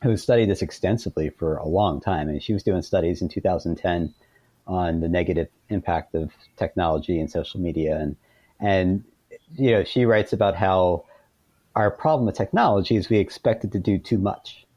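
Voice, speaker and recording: Here an interview guest with a deep, warm voice talks at a moderate pace, explaining things in a conversational way. He hesitates, repeats words and keeps saying "you know," in a dry recording with the highs cut off.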